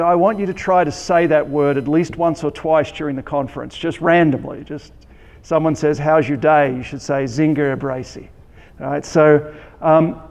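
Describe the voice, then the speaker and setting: A man with an Australian accent giving a conference presentation, relaxed and joking, with many ums and restarts. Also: on the high side, big-room sound. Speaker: conference speaker. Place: conference hall.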